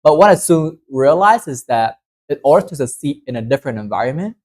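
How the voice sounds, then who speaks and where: A man's voice: a little high, animated, fairly quick. Man presenting at a workshop. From southern Vietnam. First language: Vietnamese. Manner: earnest, filler-heavy, looping phrasing. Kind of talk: casual workshop talk.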